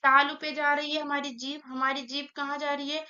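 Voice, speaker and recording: A woman's voice: sits high, little pitch movement, normal speed, sharp tone, lo-fi sound. A woman teaching an online grammar lesson, saying sounds aloud one by one and explaining each step.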